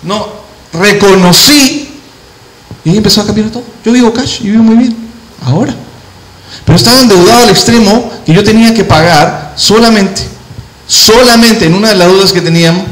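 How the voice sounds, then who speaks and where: A male pastor preaching a sermon, quoting scripture and telling personal stories, slowing down and speeding up as he goes. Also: high-pitched. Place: church hall. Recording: echoey church hall.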